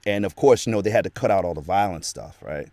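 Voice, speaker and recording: Fast and animated, the middle-aged voice actor tells nostalgic stories as a casual interview guest, wandering and restarting many times. His voice is low and mellow with vocal fry, recorded without echo.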